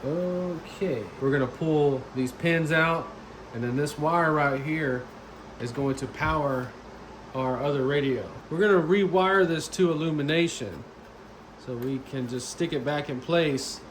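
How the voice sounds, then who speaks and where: A man with a slightly high voice narrates a DIY car audio how-to at a measured pace. As host, he keeps it casual, plain-spoken, and colloquial, and the background is clearly noisy.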